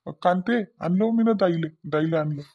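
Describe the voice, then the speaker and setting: A woman's voice: fairly low pitch, moderate pace, lo-fi sound. A woman voicing a worried middle-aged village father with a Varhadi Marathi accent, who repeats himself in short urgent bursts. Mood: hurried.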